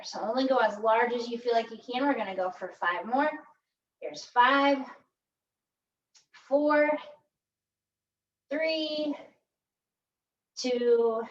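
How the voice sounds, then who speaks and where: A woman's voice: fairly high pitch, roomy sound, distant mic, lo-fi sound, a little hiss or hum. A woman leading a pilates core workout, chatty and upbeat, counting reps aloud while she exercises and often asking "right?". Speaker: pilates instructor. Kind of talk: workout instruction.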